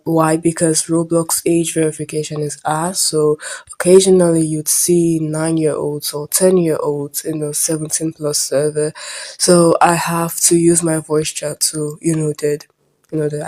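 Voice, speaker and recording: A Nigerian teenage girl with a Nigerian accent, telling a casual storytime vlog in a rambling, hesitant way. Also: deep voice. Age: late teens. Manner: rambling and hesitant, often trailing off quietly. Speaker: vlogger.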